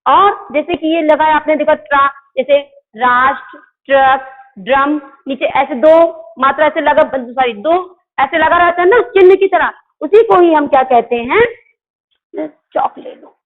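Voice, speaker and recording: A woman with a high voice teaching Hindi grammar to children in an online class. She poses questions to the class and answers them herself, and she corrects her own slips as she goes. The audio is tinny, like a phone line. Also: moderate pace. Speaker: school teacher.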